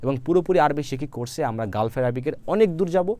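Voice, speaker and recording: A man's voice: on the high side, lively intonation, fast, dark tone. A man teaching Arabic to Bengali speakers, repeating each phrase several times and then explaining it in Bengali with a Bangladeshi accent. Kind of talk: language lesson with drilled repetition.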